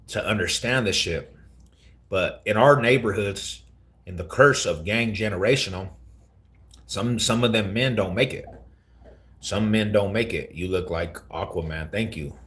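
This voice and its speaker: A man's voice: on the low side, fairly bright tone. A man in his forties telling his story on a casual live stream, slangy and repeating himself, calling the listener bro. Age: 40s.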